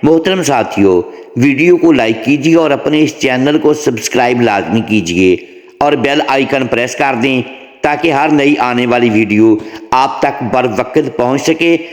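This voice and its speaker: Solemn male storyteller in an echoey hall. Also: mid-range voice. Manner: solemn, reverent, measured. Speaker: narrator of religious stories. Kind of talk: scripted devotional storytelling. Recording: roomy reverb with long echo tail.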